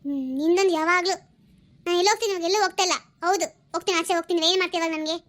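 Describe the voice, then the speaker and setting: Woman doing a sulky vain cartoon big sister, high fast voice. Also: steady tone, fairly bright tone, dry recording. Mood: defiant. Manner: defiant, sulky. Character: vain married elder daughter, defiant.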